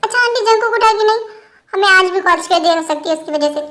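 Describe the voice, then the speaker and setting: A woman voicing a bubbly, bossy young female college student who talks loudly and teases playfully. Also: very high-pitched, quick pace, noisy background, pitched above the performer's own voice. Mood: cheerful. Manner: teasing, loud, playful.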